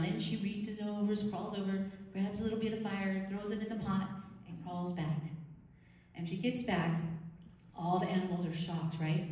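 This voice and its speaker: A woman giving a chatty, animated storytelling talk to a live audience, often asking them questions. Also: mid-range voice. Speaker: speaker at a storytelling event. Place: large room at a live event. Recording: echoey hall, voice from far off.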